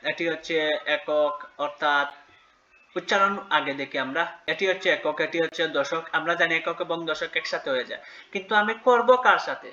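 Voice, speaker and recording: A man's voice: fairly high pitch, pushed and bright, lo-fi sound. A man teaching a children's math lesson step by step, patiently asking questions and answering them himself.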